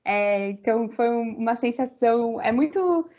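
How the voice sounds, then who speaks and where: In slightly muffled audio, a young adult Brazilian student chats as a podcast guest in a relaxed interview. She has a fairly high, expressive voice, a moderate pace, and a Brazilian Portuguese accent. Fillers and rambling restarts run all through her speech.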